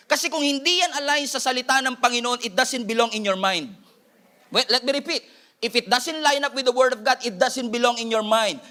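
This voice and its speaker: This energetic pastor, who has a Filipino accent, switches between Filipino and English in a lively sermon and makes playful side remarks to his flock. His voice is pitched high for a man and sounds bright and forward.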